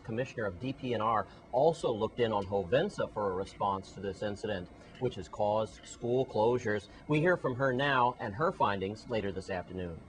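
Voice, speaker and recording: A man anchoring a local TV newscast, reading story intros formally. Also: medium pitch. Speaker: news anchor.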